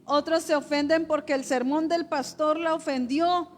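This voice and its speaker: A woman's voice: high voice, steady tone, moderate pace. A woman pastor, preaching a sermon in a conversational way, with rhetorical questions to the congregation.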